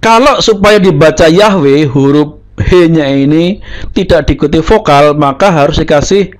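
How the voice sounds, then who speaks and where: Man, Hebrew teacher, slow careful delivery, slightly high voice, repeats example words. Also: low-quality recording. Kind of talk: explaining Hebrew pronunciation rules.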